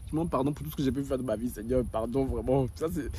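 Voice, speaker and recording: A man's voice: medium pitch, quick pace, slightly rough. A young man with an Ivorian French accent telling a confessional story, laughing and mocking himself. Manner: animated, laughing, self-mocking. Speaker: gossip vlogger.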